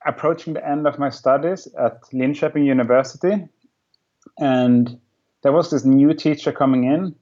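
A man's voice: mid-range voice, moderate pace, mellow, dull audio. A man giving casual, reflective, plain-spoken interview answers as a podcast guest. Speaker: podcast guest, design director.

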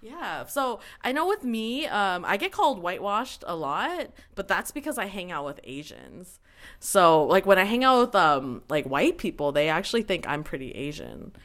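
A woman's voice: lowish voice, normal speed. A woman hosting a podcast, chatting casually with guests and laughing often. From Canada. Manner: chatty, laughing, animated questions. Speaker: podcast host.

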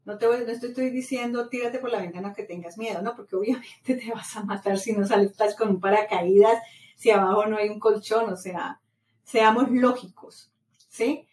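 A woman's voice: mid-range voice, moderate pace. A middle-aged woman, a podcast host from Latin America, talks casually and with lots of feeling, repeats herself often and keeps telling stories. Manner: animated storytelling, many repetitions. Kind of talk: casual motivational monologue. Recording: roomy echo, mic set far off, faint ambient noise.

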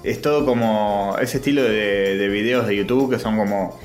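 A man in his thirties with an Argentine Rioplatense accent, chatting casually and excitedly recommending something on a podcast. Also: on the low side, normal speed, echoey room, faint music behind. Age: 30s. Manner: loose, joking, enthusiastic recommending. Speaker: podcast co-host. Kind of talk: casual chat.

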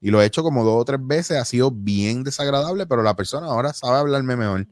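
A man's voice: medium pitch, quick pace, dry recording, studio quality. Blunt, swearing Puerto Rican man. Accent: Puerto Rican Spanish. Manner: blunt, animated, swears freely. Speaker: podcast guest. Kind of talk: casual podcast chat.

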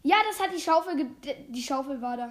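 A woman with a high voice talks over a game, eager and helpful. She explains plans with plenty of fillers and restarts. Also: expressive, fast talker. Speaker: gamer. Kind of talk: casual gaming chat.

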